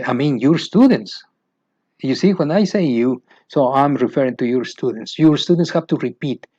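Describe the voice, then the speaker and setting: A Spanish-speaking man from Mexico with a Mexican accent gives an instructional talk teaching other teachers an English method, repeating his points and often asking "you know why?" with rising emphasis. His voice is on the high side and darkish, and the muffled recording has no room sound.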